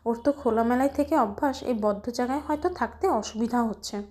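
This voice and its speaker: A woman's voice: on the high side, fairly quick, a little mellow, lightly acted. A woman voicing a stern middle-aged father who scolds sharply in a narrated story. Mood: scolding. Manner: scolding, clipped.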